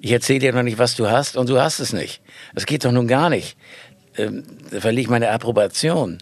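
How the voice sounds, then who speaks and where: A man's voice: medium pitch, fairly quick, dry recording, natural voice. A man doing a stern doctor father with a Berlin tinge. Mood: firm.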